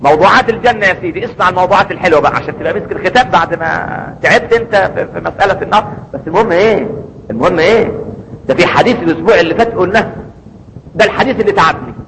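A man's voice: sits high, racing, gravelly, a bit bright, long reverb tail, slight background noise, rough recording. A man with an Egyptian accent preaching a sermon, emphatic, asking rhetorical questions and answering them himself. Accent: Egyptian Arabic.

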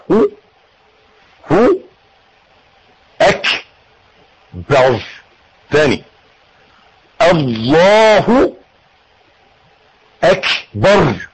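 An Egyptian man with a husky voice, teaching how to pray. His voice sits a bit high for a man, and he talks in a lively, animated way. He coaxes his listeners, demonstrates each step himself, and drills them until they repeat it back. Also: rough recording. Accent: Egyptian Arabic. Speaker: religious teacher.

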